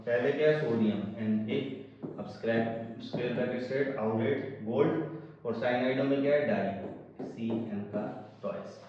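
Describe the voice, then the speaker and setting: A man's voice: mid-range voice, moderate pace, noisy background. Male chemistry teacher, lecturing style, poses questions to the class and answers them himself, recorded far off in an echoey room. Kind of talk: lecture to students. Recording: echoey room, distant mic, dull sound.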